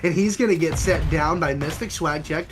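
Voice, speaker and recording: High-voiced young esports caster. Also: male voice, noisy background. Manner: fast, excited play-by-play with sudden outbursts. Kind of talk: play-by-play commentary.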